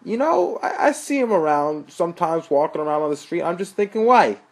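A man's voice: fairly high pitch, very animated, a little fast, pitched above the performer's own voice. A man voicing a rambling street guy with a New York accent, hesitant and drawn out. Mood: mocking.

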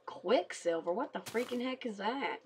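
A tired woman giving casual, chatty commentary on a game she is playing, talking quietly and swearing freely. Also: on the high side, animated, normal speed, a little hiss or hum. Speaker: let's play gamer.

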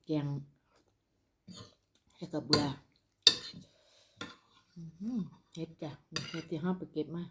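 A woman's voice: deep voice, fairly even intonation, slow pace, pauses often, heavy background noise. A woman from northeastern Thailand with an Isan accent, chatting casually to her followers as she eats. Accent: Isan, northeastern Thai. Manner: talks while eating. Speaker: eating-show vlogger. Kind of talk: casual mukbang chat to followers.

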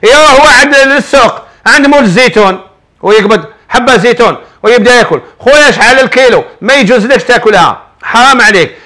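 A man's voice: very high voice, lively intonation, fast talker, sharp tone. A middle-aged man speaking with an Algerian Arabic accent, a sheikh hosting a religious advice show, preaching in an emphatic, repetitive, colloquial storytelling manner. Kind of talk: preaching, answering viewer questions.

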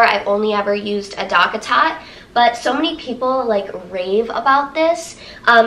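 In a rough recording, a young vlogger's slightly high, fairly bright voice comes through nasal and stuffy from a cold. She chats upbeat to camera from her living room floor, laughing often while showing baby items for a casual haul. Filming moves from an arm's-length camera to one across the room.

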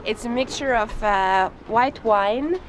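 A woman's voice: a little high, takes it slowly, slight background noise. A woman working as a boat tour guide, friendly and upbeat, speaking outdoors on a canal boat. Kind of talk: friendly guiding chat. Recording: loud music over the voice.

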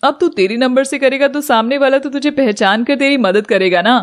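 A woman's voice: high-pitched, a little fast, slight background noise, natural voice. A woman doing a teasing college girl. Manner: playful, teasing.

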